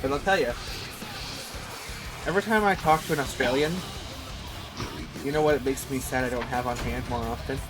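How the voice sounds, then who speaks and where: Guy joking around while gaming, kinda stammery, music pretty loud in the back. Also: mid-range voice, brisk, long pauses, poor audio. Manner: joking, stammers when unsure. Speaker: gamer. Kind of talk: casual gaming chat.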